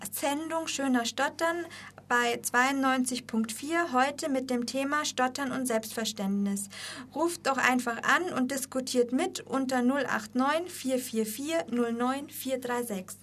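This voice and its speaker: A woman with a high voice co-hosts a radio talk show from the studio. She reads prepared lines and now and then catches on a word and repeats its first sound. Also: a little slow, fairly bright tone, a little hiss or hum. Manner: reads from a script, sometimes stutters on a word.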